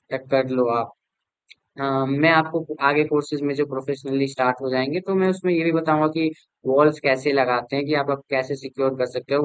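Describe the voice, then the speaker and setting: A man's voice: medium pitch, clear, resonant tone, no echo, rough recording. Hesitant young male cybersecurity lecturer. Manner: explains informally with many fillers and restarts. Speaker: cybersecurity instructor. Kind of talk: online lecture.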